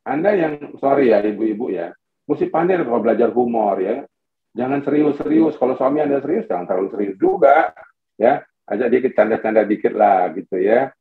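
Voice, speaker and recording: A man's voice: mid-range voice, a little fast. A middle-aged man, a pastor and marriage counselor, telling stories in a webinar talk and acting out the dialogue. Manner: animated storytelling, acting out quoted dialogue. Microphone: video call. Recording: tinny, echoey video call audio.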